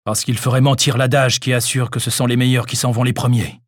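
A man's voice: medium pitch, level tone, a little fast, no room sound, lightly acted. A man voicing a blunt, dry-humored man in a categorical tone. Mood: wry.

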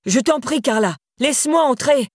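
A woman's voice: fairly low pitch, moderate pace, darkish tone, breathy edge, no room sound, studio quality. A woman voicing a tense, worried young man in an audiobook, urgent and strained under forced politeness. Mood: desperate.

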